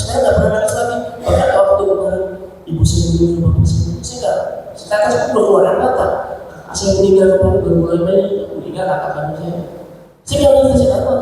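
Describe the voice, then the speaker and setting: A man's voice: high voice, animated, fast talker, mellow, a little hiss or hum. An older man in the audience asking a question hesitantly, with many tag words, in a mosque hall. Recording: very echoey hall, far from mic.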